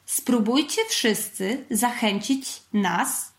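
A woman voicing a sly, wise old male puppet wizard in a storybook reading, slow and reassuring. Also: a little high, echoey room.

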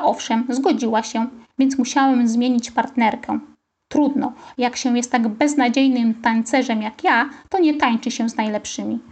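A woman narrating a children's story in first person, with a lively, expressive reading. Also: a little high. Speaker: audiobook reader.

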